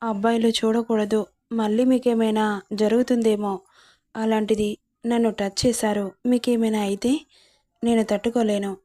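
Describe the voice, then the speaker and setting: A woman voicing a shy, hurt young bride who begs softly in a storybook reading. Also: on the high side, little pitch movement, moderate pace, long pauses, close to an everyday voice. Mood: hurt pleading.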